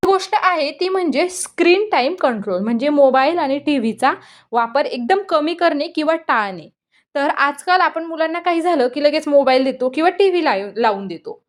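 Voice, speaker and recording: A woman hosting a channel, giving parenting advice in an earnest, direct scripted talk. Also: high voice.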